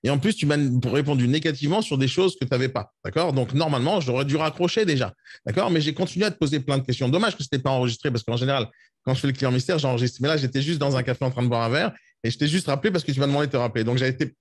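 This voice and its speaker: A man's voice: medium pitch, slightly rough, no echo, studio quality. A man coaching real estate agents in a live session, blunt and scolding, sometimes mocking. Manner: blunt, scolding, rapid-fire.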